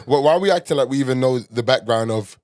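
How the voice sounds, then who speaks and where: A man's voice: mid-range voice, quick pace, a little mellow, no room sound. A man with an urban London accent, talking like a roadman in casual, opinionated, slang-heavy and sweary chat. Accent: London, urban street.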